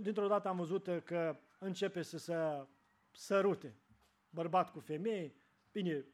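High-voiced man preaching a sermon. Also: a little mellow. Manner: earnest, acts out dialogues in changed voices.

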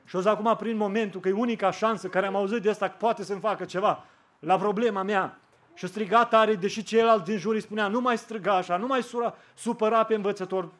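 A man. He slows and lifts his voice on scripture quotes, then drops low and soft in his appeals to the listeners. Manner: fervent preaching, slows and rises on scripture quotes. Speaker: preacher. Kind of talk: sermon.

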